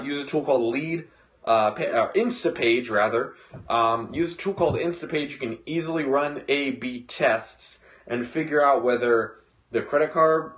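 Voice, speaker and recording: Standing at a whiteboard, a young adult livestream host gives a loose marketing lesson, full of slang and gestures, and now and then he plays out little exchanges. His voice sits mid-range, captured indoors by a phone camera placed a little way off.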